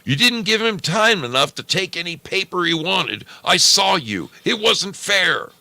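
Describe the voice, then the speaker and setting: A man voicing a defiant, aggrieved wife and mother who complains loudly and indignantly. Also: high voice, very animated, unhurried, vocal fry, dry recording, voice pushed up, exaggerated voice. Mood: shrill outrage.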